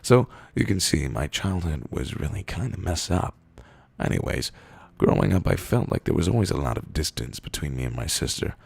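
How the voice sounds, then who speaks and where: With a gravelly, husky, low-pitched voice, a man reads internet copypasta posts aloud in a deadpan, comedic style, drawing out his pauses. There is no echo.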